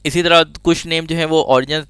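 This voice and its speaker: A man's voice: on the high side, fairly even intonation, normal speed, a bit bright, clean tone, no room sound. A man giving a chatty science lesson, full of jokey asides and digressions. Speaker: teacher. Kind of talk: casual explanatory lecture.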